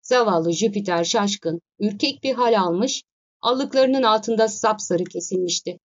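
A woman reading a classic novel aloud as an audiobook narrator, in a steady storytelling manner. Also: mid-range voice, a little slow. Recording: dull lo-fi recording with faint music.

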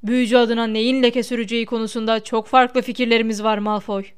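A woman's voice: fairly high pitch, level tone, fast, clean tone, lightly acted. A woman reading aloud as a wizard father who speaks in a stiff, restrained manner.

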